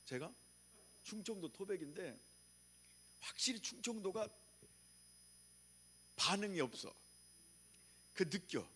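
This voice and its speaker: A man's voice: sits high, animated, takes it slowly, pauses often, fairly bright tone, breathy edge. A male pastor from preaching a revival sermon, calling on the congregation to repeat after him and answer back. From Chungcheong, Korea.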